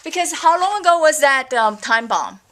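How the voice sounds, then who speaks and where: A woman's voice: high-pitched, animated, normal speed, fairly bright tone. Rambling woman. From Taiwan. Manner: rambling, exasperated, frequent fillers. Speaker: vlogger. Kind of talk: casual opinion rant.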